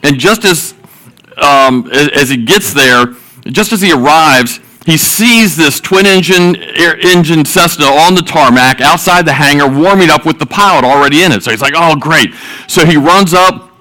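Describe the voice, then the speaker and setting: A man with a bright, fairly high voice preaches to his congregation. He eases in with folksy joke stories before turning to scripture, often repeating words as he goes. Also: moderate pace, poor audio. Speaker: pastor. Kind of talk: sermon with jokes.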